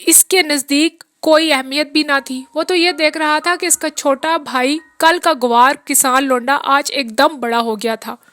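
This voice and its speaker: A woman narrating a novel as an audiobook in a measured literary reading. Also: high voice, fairly bright tone, no room sound.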